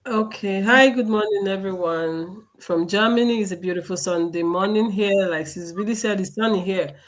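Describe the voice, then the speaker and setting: Woman guest, friendly, brisk self-intro. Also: medium pitch. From Nigeria. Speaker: panel guest. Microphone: video call.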